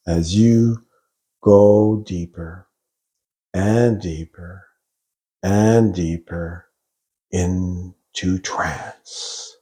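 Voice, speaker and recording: Very slow, deep-voiced male hypnotist. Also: steady tone, warm tone, husky. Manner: slow, soothing, drawn-out phrasing. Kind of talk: guided hypnosis script.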